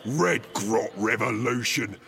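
An actor playing a brash, blunt orc warrior in an audio drama. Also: male voice, fairly low pitch, slow, gravelly, bright, forceful tone, slightly rough, heavily acted. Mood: indignant.

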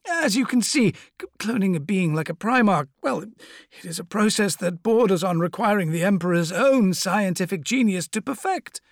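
A man's voice: high voice, lively intonation, normal speed, no echo, studio quality, pitched above the performer's own voice. A man doing a fawning, clinical apothecary. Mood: lecturing. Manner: clinical, obsequious. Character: cold scheming male apothecary, clinical and fawning.

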